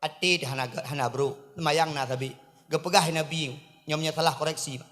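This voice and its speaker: A man from Aceh preaching a humorous sermon to a crowd in a mosque courtyard, speaking with an Acehnese accent and swinging between low asides and loud emphatic calls. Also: fairly even intonation, normal speed, in a large hall. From Aceh, Indonesia.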